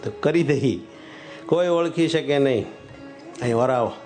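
A man voicing a gentle, teasing divine master in a told religious story, speaking lower than his own voice. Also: expressive, measured pace, faint music behind, lightly acted. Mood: amused.

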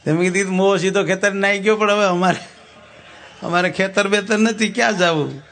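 A Swaminarayan sadhu delivers a katha sermon with sung verses and anecdotes, spinning folksy stories and acting out the dialogue. His high voice is steady in tone, a little fast and a bit bright.

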